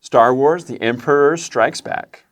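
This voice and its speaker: A man co-hosting a casual movie podcast, reading titles off a list. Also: a little slow. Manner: animated, reads titles off a list with bouncing pitch. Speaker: podcast co-host. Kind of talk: casual chat.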